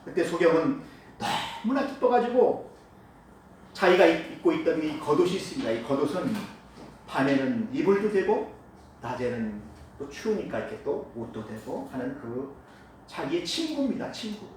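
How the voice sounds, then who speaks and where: A pastor preaching a sermon with strong emphasis, his delivery swinging between loud calls and hushed asides. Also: fairly high pitch, very animated, moderate pace, a little hiss or hum. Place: church sanctuary. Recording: echoey hall, picked up from a distance.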